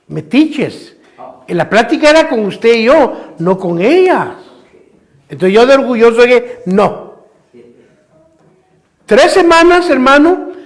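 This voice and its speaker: A man preaching a fervent sermon in church as pastor, firing rhetorical questions and calling his listeners brother. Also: sits high.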